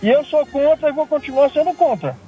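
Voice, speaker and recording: A man calling in to a radio show, speaking haltingly and insistently, often repeating words as he makes his point. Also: very high voice, lively intonation, dull audio, faint music behind. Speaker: caller. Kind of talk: radio call-in.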